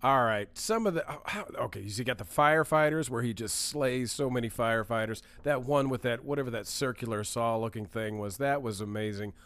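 A man's voice: mid-range voice, fairly quick, few pauses, fairly bright tone, no echo. A man co-hosting a podcast, talking casually and enthusiastically, laughing easily. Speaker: podcast co-host. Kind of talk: casual chat.

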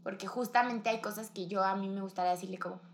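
A woman's voice: mid-range voice, steady tone, fast talker. A young woman with a Mexican accent, talking bluntly and casually about her friend, using lots of slang. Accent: Mexican Spanish. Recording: echoey room with faint background noise.

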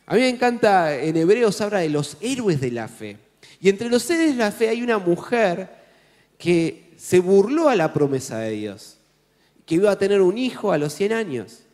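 A man with a Rioplatense Spanish accent, preaching a sermon as pastor in an animated, conversational way with jokes. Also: high-pitched, moderate pace. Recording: echoey hall with faint music.

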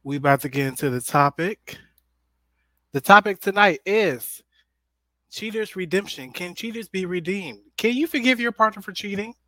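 A man's voice: high voice, animated, normal speed, sharp tone, dry recording. A man with an American accent and a campy, theatrical drag queen manner, hosting a casual live-stream chat. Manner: campy drag queen, theatrical, calling listeners honey and darling. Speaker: host of a live stream talk show.

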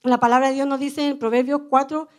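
Speaking a little fast in a high, level voice, a Chilean-accented woman preaches to other women. She shares personal anecdotes in an earnest, conversational way and keeps tacking on "amen."

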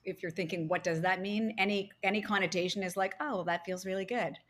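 A woman's voice: medium pitch, fast, a bit bright. A woman in her forties, a guest podcast co-host, chatting casually and rambling with lots of fillers and restarts. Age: 40s. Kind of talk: casual conversation.

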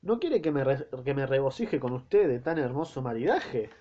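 Argentine man reading as a smooth-talking quack doctor, lecherous and flowery, mid-pitched, dull lo-fi sound. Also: moderate pace, slight background noise, natural voice. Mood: flattering. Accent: Argentine Spanish. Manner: flowery, flattering courtly speech. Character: scheming lecherous fake doctor, adult man.

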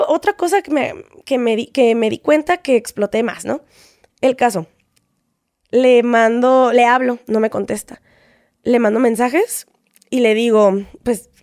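A high-voiced Mexican woman, appearing as a guest, tells a personal story in a casual, conversational way with a Mexican Spanish accent. She's animated, acts out quoted exchanges, and uses lots of tag questions. The studio-quality recording has no echo.

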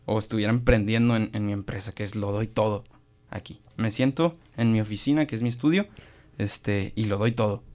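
A man's voice: lowish voice, brisk, darkish tone. Young man, casual guest chat, rambling, lots of fillers, radio studio. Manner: rambling, many fillers and restarts. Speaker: musician guest.

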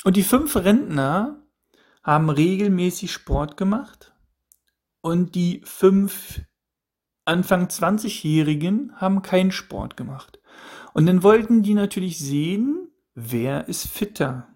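A man's voice: high voice, lively intonation, slow pace, a little mellow. A man in his thirties hosting a solo podcast, musing aloud with repeated questions and frequent restarts. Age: 30s. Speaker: podcast host. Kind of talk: casual solo podcast monologue.

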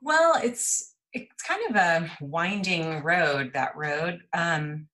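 Low-voiced woman from El Paso, a relaxed and thoughtful interview guest telling stories. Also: takes it slowly, poor audio. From El Paso, Texas. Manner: relaxed, thoughtful storytelling with fillers. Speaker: guest, jazz singer and voice teacher. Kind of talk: interview conversation.

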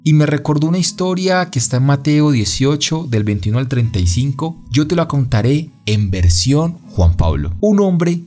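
A man's voice: a little high, animated, moderate pace, few pauses, warm tone. A married man giving an earnest devotional testimony, often asking the listener questions.

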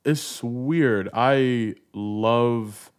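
A man's voice: mid-range voice, extremely slow, smooth. A man in his twenties hosting a podcast, chatty and loose, with frequent "like"s and casual swearing. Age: 20s. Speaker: podcast host. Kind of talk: casual interview chat.

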